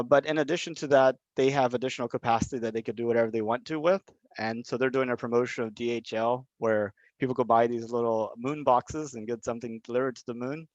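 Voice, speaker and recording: A man from Southeast Texas, USA, runs a video project and acts as the interviewer, talking casually and without a script. He explains things in a hesitant, rambling way with a mid-range voice. The audio is dull, lo-fi call quality, with no room sound.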